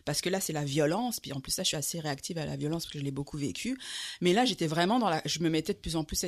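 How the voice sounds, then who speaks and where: A woman with a Québécois French accent, a guest in a conversation, telling a personal story in an animated way with many fillers. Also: low-pitched, quick pace.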